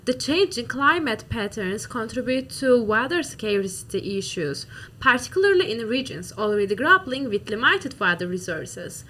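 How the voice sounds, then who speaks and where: A woman's voice: a little high, big pitch swings, normal speed, pushed and bright, slight background noise. A woman from Turkey with a Turkish accent, reading formal prepared remarks in a student discussion. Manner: formal, recited delivery.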